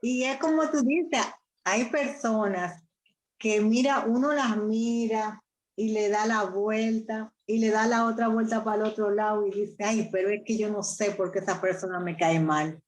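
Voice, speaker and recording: A woman's voice: medium pitch, steady tone, a little slow, slight background noise, rough recording. A woman hosting a church gathering, encouraging and affirming, answering with amens. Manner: encouraging, with frequent amens and agreements.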